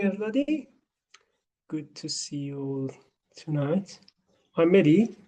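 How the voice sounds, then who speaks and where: Brisk man with a higher voice. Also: rough recording. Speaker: workshop participant. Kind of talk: brief self-introduction on a video call.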